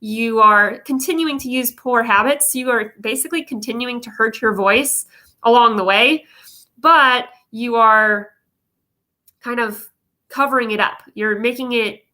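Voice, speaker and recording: Female vocal coach, higher-pitched and very bright, explanatory and emphatic, talking informally to online viewers. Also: unhurried. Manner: explanatory, emphatic, with frequent check-in questions. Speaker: vocal coach presenting advice videos. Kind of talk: informal instructional talk to viewers.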